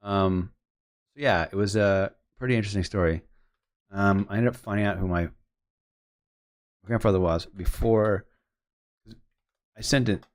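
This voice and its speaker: Here the man sounds low-pitched and measured, leaving long pauses. Casually working on photos, he wanders through a lengthy tale, mimicking voices from conversations he recounts, and narrates his editing as he goes.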